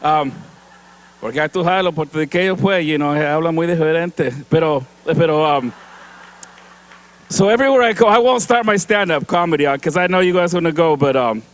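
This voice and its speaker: A Mexican-American man from San Diego gives an award speech on an event stage before an audience, his voice a little high and brisk. He keeps it chatty and joking, laughing often and slipping into Spanish.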